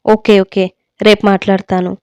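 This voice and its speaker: A woman voicing a busy young adult son living abroad in a read-aloud story, talking in a hurried, evasive way. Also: medium pitch, flat delivery, a little mellow, smooth, no echo, lightly acted. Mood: polite. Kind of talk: storybook reading.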